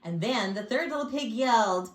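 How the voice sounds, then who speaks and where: A sly, chatty wolf, read out by a woman, pleads his innocent case in a storybook telling, his voice swooping up and down with folksy flair and big theatrical sneezes. The voice sits fairly high and rings through an echoey room. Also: animated, normal speed, close to an everyday voice. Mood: sly, aggrieved. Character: chatty self-pitying male wolf storyteller.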